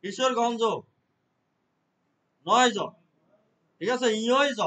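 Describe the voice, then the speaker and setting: This man teaches a computer class in a very high voice. He walks through each step slowly and keeps stopping to check that the class is following along. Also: bright, forceful tone, rough recording. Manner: explains step by step, checks understanding with repeated questions. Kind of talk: classroom lesson.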